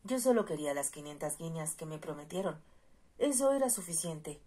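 A poor young woman who is quiet but will not give way, as a woman narrator reads her in a low, husky voice. She pleads softly yet stays firm, as in a storybook reading. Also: lively intonation, a little fast.

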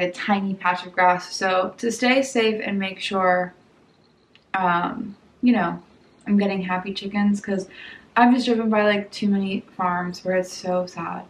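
In a home kitchen and dining room, a young woman in her twenties chats casually through her cooking vlog, hungover, giggly, and full of likes and ums. Her medium-pitched voice sounds reverberant.

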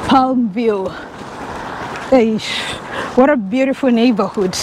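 There's a noisy background as this young travel vlogger from Kenya chats cheerfully into her arm's-length action camera on a walk along a sunny residential street. She speaks slowly in a Kenyan accent, her pitch on the high side.

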